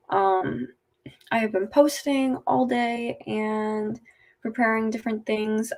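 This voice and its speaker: A woman's voice: on the high side, creaky, a little mellow. A woman casually chatting as a livestream host in a rambling way, her speech slightly off after having her wisdom teeth out.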